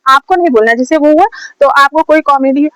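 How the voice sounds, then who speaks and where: A high-voiced woman from India gives a casual home tutorial, filmed on a phone on a stand. She talks in a chatty, repetitive way, hammering each step home. The sound is dry and close, with no room echo. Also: fairly quick. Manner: chatty, repetitive, drills points over and over. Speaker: short-video creator teaching lip sync. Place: home, recording herself.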